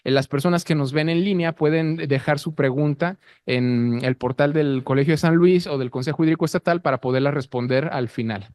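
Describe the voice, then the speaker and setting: Mexican man with a higher-pitched voice, hosting formally. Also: brisk, hardly any pauses, a little mellow, no echo. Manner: formal, stumbles and corrects himself. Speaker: event host introducing a speaker. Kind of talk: formal spoken introduction.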